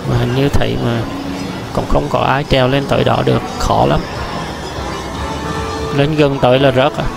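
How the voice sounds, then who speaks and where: A man's voice: medium pitch, steady tone, moderate pace, vocal fry, over loud music, poor audio. A man giving casual walking-tour commentary through a large indoor amusement park, chatty, talking straight to his viewers with many fillers and restarts.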